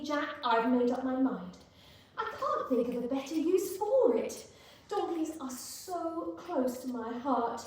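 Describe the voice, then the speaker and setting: A woman's voice: sits high, a little mellow. Woman acting gushing heiress in a very echoey room. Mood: tender, resolute. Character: sweetly insistent heiress donating a fortune to donkeys. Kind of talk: staged rehearsed reading of a musical. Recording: very echoey room, distant microphone.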